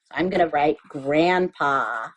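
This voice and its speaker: In a rough recording, a woman with a low, slightly rough voice speaks at a measured pace as an elementary school craft teacher. She leads young children through a craft step by step, explaining patiently and simply with repeated phrases and little questions.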